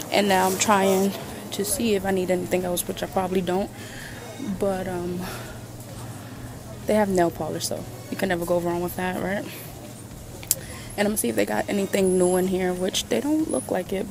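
A woman's voice: medium pitch, background noise. A young woman vlogging in casual chat, blunt and slangy with some swearing, filming on a handheld phone at arm's length outdoors and in a store. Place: city street outdoors, then inside a discount store. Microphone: handheld phone camera at arm's length.

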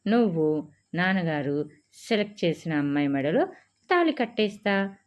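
A woman's voice: fairly low pitch, big pitch swings, normal speed. A woman voicing a shy, timid young man who talks in a nervous, pleading way, on a dull lo-fi recording. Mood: exasperated.

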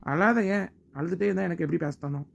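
A man's voice: a little high, quick pace, creaky, muffled recording. A man playing a young village lover who coaxes and pleads insistently with his crying partner in a family drama. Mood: pleading.

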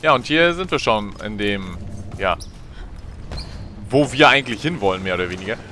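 A man giving casual, slangy, excitable gameplay commentary. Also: fairly low pitch, normal speed, a little hiss or hum. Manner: colloquial, slangy, swearing, excitable. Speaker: let's player.

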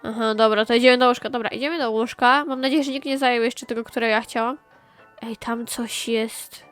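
Chatty higher-voiced woman narrating gameplay. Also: steady tone, a bit bright, faint music behind. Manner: chatty, talks to herself, quick exclamations and repeated phrases. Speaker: gaming channel host. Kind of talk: excited gameplay commentary.

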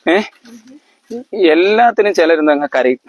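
On a lo-fi recording with no room sound, a man with a voice on the high side talks animatedly to his family in a lecturing style. He quizzes them often, asks again and again if they understand, and speaks haltingly with fillers and false starts.

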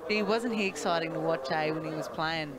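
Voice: mid-range voice, fairly quick. A match commentator, talking earnestly during a live broadcast. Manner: earnest, speaks up for getting names right. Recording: crowd noise behind.

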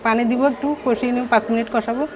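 Very fast-talking woman giving cooking steps. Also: on the high side, flat delivery, noisy background. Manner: brief, matter-of-fact step-by-step answers. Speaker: guest home cook. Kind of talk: casual cooking instruction.

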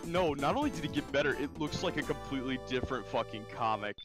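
Man, casual co-host chat, blunt, swears a lot, mid-pitched voice, music playing behind. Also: expressive, fast. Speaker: podcast co-host.

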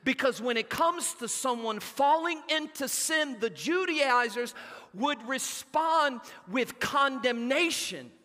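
A middle-aged pastor, preaching a sermon and telling a family story in an animated way. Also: male voice, very high voice, slow. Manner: animated storytelling, acting out quotes. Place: church sanctuary. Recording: long church reverb.

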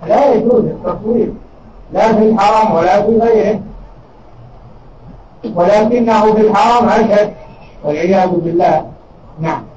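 An older man with a Saudi Arabian accent, giving a religious lesson and answering questions in a measured, emphatic way, heard in a large mosque hall on a distant, dull recording. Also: high-pitched, noisy background.

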